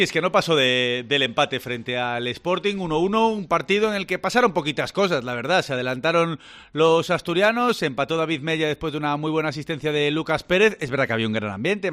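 A man's voice: fairly high pitch, expressive, a little fast, fairly bright tone. A man with a Spanish accent from Spain giving a conversational radio sports report.

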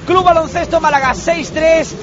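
Very high-voiced male basketball reporter. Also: steady tone, moderate pace, over music. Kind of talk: radio match report. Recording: lo-fi audio with faint crowd.

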